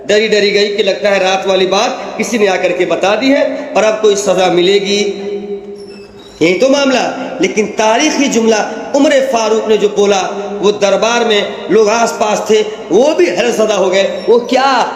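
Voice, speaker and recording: A man preacher giving a storytelling sermon in a conversational way, often asking the audience questions, recorded in a large echoey hall. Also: high-pitched. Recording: echoey hall with long reverb.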